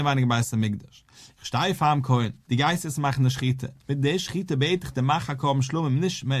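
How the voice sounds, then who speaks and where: A rabbi teaching a daily Talmud class, working through the argument and acting out both sides with a rising and falling study chant. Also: male voice, mid-range voice.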